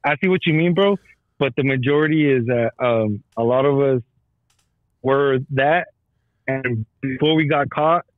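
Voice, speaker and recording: Casting: male veteran phoning a podcast, sweary casual talker, dry and dull low-fidelity audio. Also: measured pace, no room sound. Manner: profane, slangy, repeats himself. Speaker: military veteran calling in to a podcast. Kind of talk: casual chat. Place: calling from a garage.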